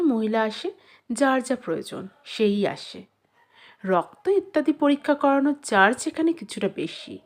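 A woman narrates an audiobook in a higher register, reading a literary short story from a script with great expressiveness. Her intonation is very animated, and her phrasing is measured, punctuated by dramatic pauses.

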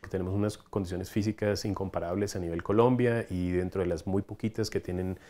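Fairly quick and low-pitched, this Ecuadorian man in his forties has a coastal accent and works as an entomologist and collections coordinator. Wearing a lapel mic in a room of specimen cabinets, he tells stories for a documentary interview with lively enthusiasm, gesturing with his hands.

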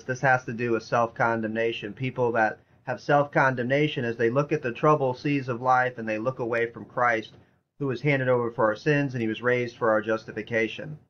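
A man's voice: medium pitch, fairly bright tone, muffled recording. A man preaching a sermon in an earnest, repetitive way, reading scripture passages aloud. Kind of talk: sermon teaching.

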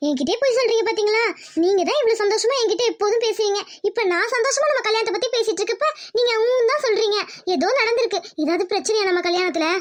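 A woman's voice: extremely high pitch, animated, fast, voice pushed up. A woman voicing a young village bride in a cartoon, tender, pleading and emotional. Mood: worried. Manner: pleading, emotional, calls her fiancé uncle-sweetly. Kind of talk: cartoon voice acting.

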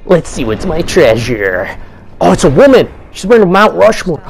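A young man giving crude, comedic commentary while playing a video game, bursting into shouts and yelps. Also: on the high side, sing-song, moderate pace, vocal fry, slightly rough, soft background music, low-quality recording. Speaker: let's play gamer.

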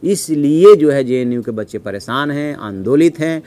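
A middle-aged man giving a measured news commentary from a newsroom desk, reading figures from notes, with frequent "uh" fillers. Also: medium pitch, animated, warm tone, a little hiss or hum. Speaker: news analyst. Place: newsroom office, indoors.

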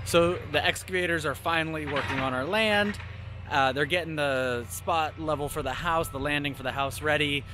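A homestead vlogger in his thirties chats easily to a camera held at arm's length, first outside on rural land and later inside a camper. His fairly high voice moves at a moderate pace, chatty and easygoing as he narrates straight to camera. Background noise is present.

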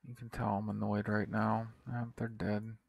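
A man with a low, gravelly voice talks to himself over a strategy game, grumbling and cursing as things go wrong. The sound is dry and close, with mouse clicks behind him. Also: little pitch movement, moderate pace, darkish tone, dry recording. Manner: frustrated, swearing, muttering to himself. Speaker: gaming video creator.

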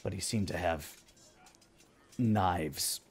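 A man playing a bewildered small-town police officer in a tabletop game, husky and hesitant, with measured phrasing. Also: low-pitched, heavily acted. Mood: measured, puzzled.

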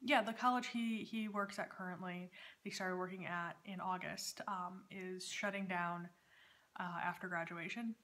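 A thirties woman who hosts a knitting podcast chats hesitantly in a casual vlog filmed in her dining room at home. Her voice sits on the low side, slightly bright, with fairly even intonation and an unhurried pace.

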